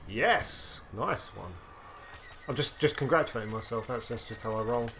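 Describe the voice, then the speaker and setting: A young man commentating on his own gameplay, excitable, talking to himself and swearing freely as he plays. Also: medium pitch, moderate pace, slight background noise. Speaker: gaming video host.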